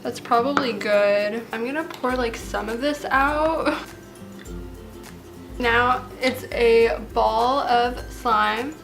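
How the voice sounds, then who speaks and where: A woman in her late teens speaks in a fairly high voice, with the slight lisp of someone wearing braces. She talks casually and chattily, like a host guiding viewers through a homemade craft. Music plays behind her. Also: takes it slowly, vocal fry. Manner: talking with braces, slightly lisping. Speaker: host of a slime craft channel. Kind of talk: casual chatty DIY tutorial.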